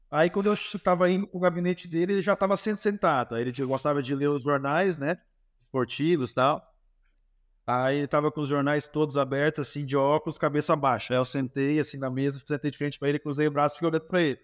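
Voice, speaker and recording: Brazilian man telling stories in an interview. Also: a little high. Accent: Brazilian Portuguese. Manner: animated, lively storytelling with acted dialogue. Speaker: former goalkeeper, guest. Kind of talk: storytelling interview answers.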